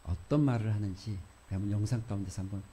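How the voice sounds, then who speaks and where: Dark-voiced pastor preaching. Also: male voice, on the low side, fast talker, slight background noise. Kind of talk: sermon. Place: church.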